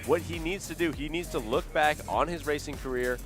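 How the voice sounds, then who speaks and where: A man's voice: on the high side, brisk, music in the background. A man giving conversational analysis as a color commentator on a drone race. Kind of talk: sports commentary.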